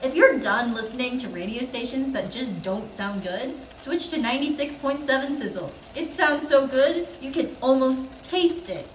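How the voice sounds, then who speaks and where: A woman's voice: sits high, expressive, normal speed, hardly any pauses, reverberant, noisy background. A woman playing a salesy commercial announcer, reading a scripted parody radio advert. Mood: salesy, upbeat.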